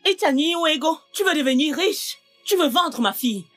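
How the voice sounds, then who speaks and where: A woman's voice: high-pitched, lively intonation, normal speed, fairly bright tone, soft background music. An actress dubbing a grieving mother of a missing daughter, speaking with strong emotion. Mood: accusing. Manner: emotional, accusing and grateful by turns. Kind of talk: dubbed film drama.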